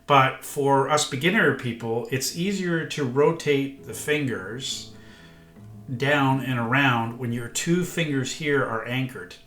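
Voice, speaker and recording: An older man chats casually in a vlog about learning guitar, folksy and self-deprecating, sounding a bit congested as he recovers from illness. His mid-range, slightly bright voice takes things slowly, in an echoey room with guitar playing.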